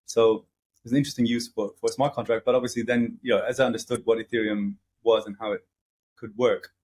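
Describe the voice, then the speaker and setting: A man's voice: mid-range voice, level tone, fast, a little mellow, husky. A middle-aged man talking as an interview guest, casual and hesitant, with frequent fillers and restarts. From grew up in several countries.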